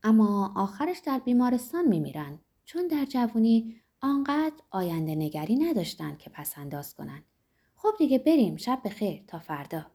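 A woman's voice: fairly high pitch, very animated, dark tone. A woman reading the lines of a boastful, argumentative male pharmacist in an audiobook, in a self-satisfied, gossiping manner. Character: boastful talkative middle-aged male pharmacist.

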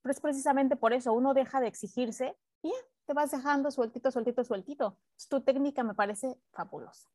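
A woman hosting a podcast, chatting in a lively way and asking her guest questions. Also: high voice, fast talker, no echo. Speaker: podcast host. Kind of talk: casual interview chat.

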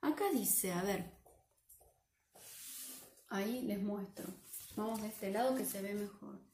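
A woman with a Rioplatense Spanish accent reads a picture book aloud to children, playful and lively, often asking them questions. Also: mid-range voice, slow pace, roomy sound, slight background noise. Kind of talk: animated read-aloud for children.

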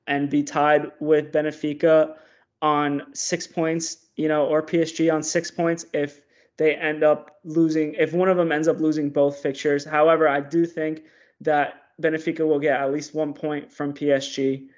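An opinionated man with a somewhat high voice talks through football stats and predictions with animated conviction. The audio sounds dull and lo-fi. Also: measured pace. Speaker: podcast co-host. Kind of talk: casual football analysis.

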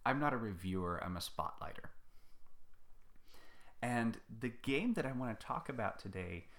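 A young man co-hosting a podcast, talking in a dry, joking, unhurried way. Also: mid-range voice, expressive, vocal fry, fairly bright tone. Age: young adult. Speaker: podcast co-host. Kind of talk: casual chat.

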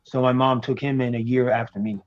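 A man from the United States, raised in New York and Florida, talking as an interview guest in a relaxed, hesitant way with many ums. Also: medium pitch, fairly quick, highs cut off, soft background music. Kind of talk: casual interview chat.

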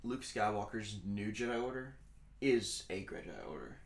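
A man co-hosting a podcast in casual chat, calmly explaining his view. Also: on the low side, moderate pace, echoey room. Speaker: podcast co-host.

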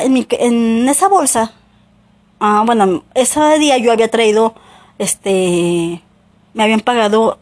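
Chatty young Mexican woman storyteller. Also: on the high side. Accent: Mexican Spanish. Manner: rambling, many "o sea" and "este" fillers, self-corrections. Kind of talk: casual personal storytelling.

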